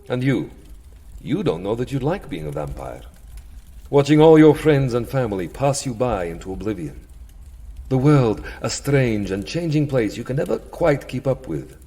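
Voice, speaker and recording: A man performs the role of a worn-out, settled vampire count for a comic audio drama, playing him theatrically and wryly, by turns boastful, petulant and self-deprecating. He uses a mid-range voice that is husky and dark in tone.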